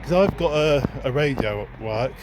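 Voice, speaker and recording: This casual, unscripted vlog features a second-hand bookseller walking along a town street, thinking aloud in a hesitant, rambling manner. He speaks in a mid-range voice with lively intonation at a moderate pace, while street ambience and passing vehicles sound behind him.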